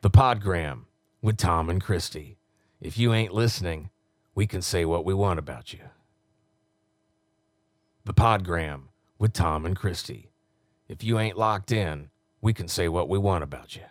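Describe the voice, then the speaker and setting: A man recording radio station promos in a deep announcer read, joking and laughing between takes. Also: measured pace, pauses often, dry recording. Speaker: radio voice-over talent recording station liners.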